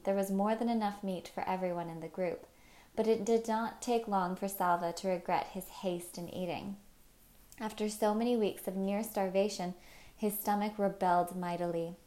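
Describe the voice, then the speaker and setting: A woman reads a novel aloud as an audiobook narrator, calm and measured. Her voice is mellow and warm, neither high nor low, with a steady, unhurried delivery.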